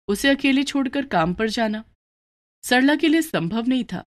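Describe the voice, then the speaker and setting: A woman storyteller giving scripted narration of a moral tale. Her delivery is steady and expressive. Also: a little high.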